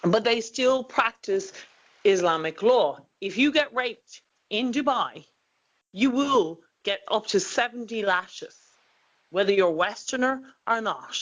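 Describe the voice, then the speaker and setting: Host, mid-pitched voice, brisk and insistent, frequent ums. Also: lively intonation, fairly bright tone, low-quality recording. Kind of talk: political talk show interview.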